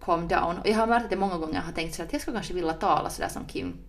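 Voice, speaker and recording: Rambling young woman podcast co-host. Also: lowish voice. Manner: rambling, self-interrupting, jokey. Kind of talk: casual chat.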